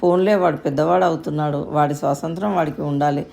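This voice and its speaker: A woman reads a storybook aloud in a steady, calm manner. Her voice is low and dark, with a gravelly grain. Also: fast talker. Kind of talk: scripted narration.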